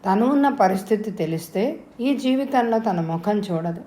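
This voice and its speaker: Mellow woman narrating an audio novel. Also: mid-range voice. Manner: steady, measured storytelling. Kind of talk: scripted narration. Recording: roomy echo.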